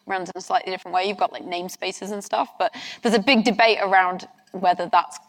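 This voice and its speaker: A woman's voice: mid-range voice, steady tone, a little fast, a bit bright. A woman giving a conference talk on stage and answering questions, candid and chatty, with frequent ums. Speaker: conference speaker. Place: conference hall.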